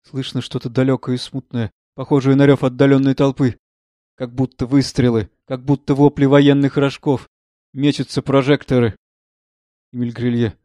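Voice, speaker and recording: A man quietly reading the stage directions of a play aloud in a measured way. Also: medium pitch, level tone, dry recording.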